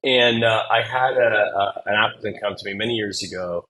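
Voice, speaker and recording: Animated, low-voiced male consultant. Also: a little fast, a little hiss or hum. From Singapore. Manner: animated storyteller with many fillers and restarts. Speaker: admissions consultant, guest. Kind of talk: casual interview storytelling.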